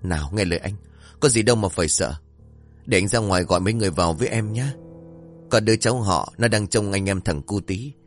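A man's voice: lowish voice, fast, soft background music, close to an everyday voice. A male storyteller voicing an easygoing young husband who jokes and brushes off his wife's fears. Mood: reassuring. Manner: cheerful, coaxing, brushing off fears.

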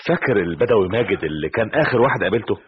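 An actor playing a calm Egyptian teacher with an Egyptian accent who explains and soothes, in an old radio drama. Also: male voice, fairly low pitch, very fast, breathy edge. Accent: Egyptian Arabic. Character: calm male Egyptian teacher, steady helper. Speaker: teacher who brings news. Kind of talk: 1970s radio drama acting. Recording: dull old radio recording.

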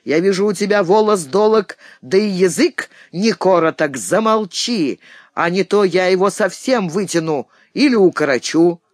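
A woman reading an audiobook, voicing a gruff, domineering old father who speaks in rough, curt commands. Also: on the low side, lively intonation, normal speed, dry recording, studio quality. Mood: gruff scolding.

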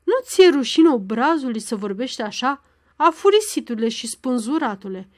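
A woman's voice: a little high, big pitch swings. A woman voicing an outraged middle-aged schoolteacher's wife in a storybook, scolding a young man. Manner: scolding, indignant.

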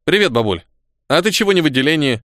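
Sulky young man, voiced by the narrator, grumbly and defiant, animated delivery. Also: fairly high pitch, fast talker, no room sound, studio quality.

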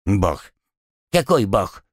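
A man's voice: on the low side, very animated, very slow, no echo, full character voice. Guy doing a bleating scaredy little gremlin dude, whiny and crude, dry audiobook sound.

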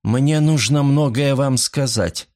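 A man voicing a cold, scheming young woman who speaks in a deliberate, icy way, in a storybook reading. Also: mid-range voice, animated, a little mellow, voice pushed up, lightly acted. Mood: icy, calculating.

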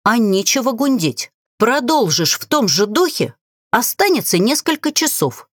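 A woman's voice: a little high, sing-song, unhurried, no room sound, studio quality. A woman reading aloud, voicing a sly young witch who mocks and gives orders. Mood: commanding. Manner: mocking and commanding.

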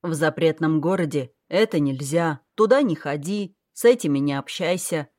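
A woman's voice: sits low, moderate pace, a little mellow, no room sound, lightly acted. A woman voicing a weary, wry young man speaking to a child in an audiobook, in a dry, matter-of-fact manner. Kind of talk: audiobook character voice.

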